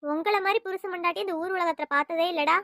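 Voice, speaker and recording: A woman voicing a scolding, sharp-tongued old mother-in-law in a family cartoon, nagging and quarrelsome. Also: very high-pitched, quick pace, no room sound, clean studio sound. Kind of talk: cartoon voice acting.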